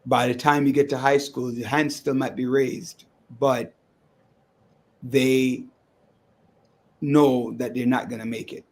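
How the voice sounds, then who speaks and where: A man in his sixties, retired from education, co-hosting a casual radio talk show with a measured, teasing manner. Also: medium pitch, level tone. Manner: measured, teasing, switches into Spanish. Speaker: co-host.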